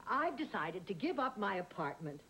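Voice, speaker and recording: An actress in her seventies playing a tired but independent elderly mother who answers with dry, deadpan one-liners in a sitcom. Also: mid-range voice, normal speed, a little hiss or hum. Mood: wry. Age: 70s. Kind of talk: sitcom acting.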